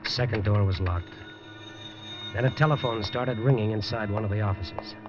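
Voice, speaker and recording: Here the narrator's voice sits lowish and close to everyday speech, moving at a normal clip as he voices a hardboiled, dry-witted newspaper reporter from 1950s radio drama. Music plays over the muffled, lo-fi 1950s broadcast sound.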